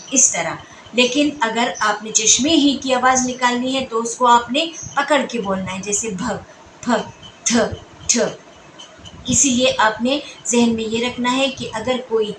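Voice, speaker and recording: Patient woman teacher in an echoey room. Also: a little high. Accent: Pakistani Urdu. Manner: patient, repeats sounds slowly and asks if understood. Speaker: Urdu teacher. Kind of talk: classroom-style explanation to students. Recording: echoey room with background noise.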